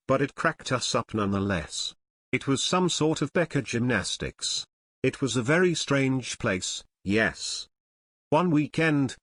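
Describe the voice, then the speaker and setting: A man reading his own first-person memoir in a wry, deadpan storytelling manner. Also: mid-range voice, no room sound, clean studio sound. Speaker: narrator.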